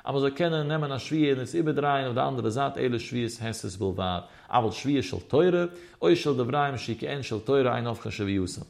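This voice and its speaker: A man's voice: medium pitch, brisk, creaky, a little mellow. A man giving a traditional Talmud lecture, reading the text aloud and explaining it in a sing-song study cadence with emphatic rises and drops. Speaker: Talmud teacher.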